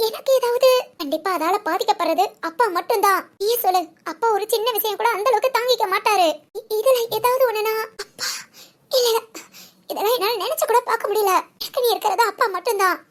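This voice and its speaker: A woman's voice: very high-pitched, a bit bright. A woman voicing an anxious, injured young married woman in a cartoon, talking in a tearful, pleading way. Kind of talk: cartoon voice acting.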